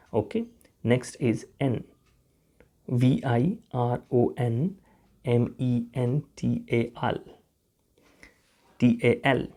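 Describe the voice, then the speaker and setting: Slow, mellow-voiced male English teacher. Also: medium pitch. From India. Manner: spells words out letter by letter and repeats pronunciations slowly; keeps asking a rising "okay?" check to the viewer. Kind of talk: spoken English lesson.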